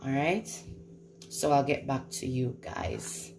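Her voice is extremely low, darkish, expressive, and slow as she hosts a casual recipe video indoors at home. She instructs viewers and repeats phrases for emphasis, and the roomy home recording carries clear noise.

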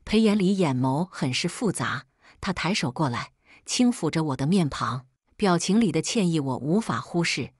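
A woman narrating a first-person story in a measured, sorrowful way. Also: sits low, expressive, husky, no echo, studio quality.

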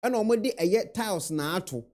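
A man's voice: sits high, animated, brisk, darkish tone. A young Ghanaian man in a small room, earnestly commenting on a video into a webcam and mixing in English words. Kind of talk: reaction commentary.

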